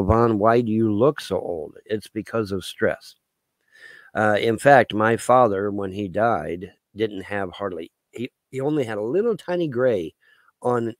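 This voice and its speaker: A man's voice: fairly low pitch, dry recording. A man in his late fifties hosting a casual live stream, rambling and aggrieved, swearing freely. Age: 50s. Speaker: livestream host.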